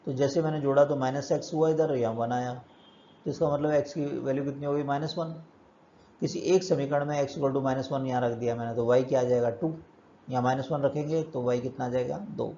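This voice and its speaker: A man's voice: medium pitch, fairly even intonation, fairly quick, mellow, muffled recording, slight background noise. A male physics teacher giving a step-by-step lecture, asking and answering his own questions as he works through problems. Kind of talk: classroom lecture.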